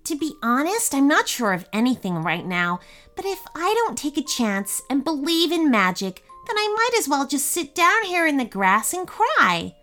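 Lady putting on a squeaky hopeful little girl, storybook style, really lively voice. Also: moderate pace, soft background music, exaggerated voice. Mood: earnest. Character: hopeful, dreamy young girl explorer.

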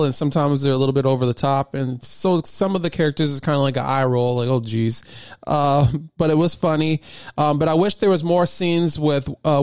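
A man's voice: on the high side, darkish tone, smooth, no room sound, studio quality. A man hosting his own podcast, talking casually and enthusiastically, rambling with lots of fillers and restarts. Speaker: podcast host. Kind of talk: casual solo podcast talk.

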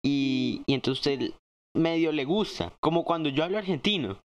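A young man, co-hosting a casual chat, slangy and excitable, jumping up in pitch when he jokes. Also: normal speed, dull audio, over a noisy crowd. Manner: slangy, excitable, swings his pitch high when joking. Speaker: podcast co-host.

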